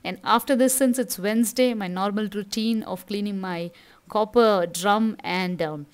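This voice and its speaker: A woman's voice: medium pitch, measured pace, smooth. A middle-aged woman with a Tamil accent, casually narrating her household routine in a chatty, explanatory way as a home vlogger.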